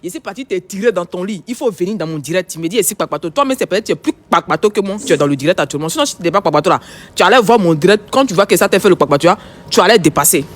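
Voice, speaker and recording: A woman's voice: on the low side, expressive, racing. A woman with an Ivorian French accent hosting a live stream from home on her phone, scolding her viewers in a combative, repetitive rant. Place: home, early morning.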